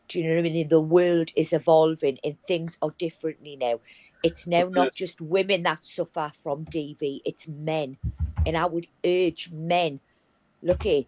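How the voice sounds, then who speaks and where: A woman's voice: fairly low pitch, warm tone, no room sound, poor audio. Woman, stream panelist, dry close sound, earnest and urging, repeats her points. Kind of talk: casual livestream panel chat.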